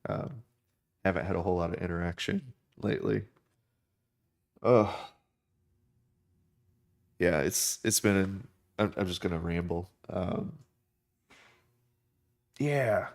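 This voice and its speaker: A man's voice: sits low, takes it slowly, creaky, long pauses. A man from the United States chatting casually on a drawing live stream, rambling with many fillers and restarts.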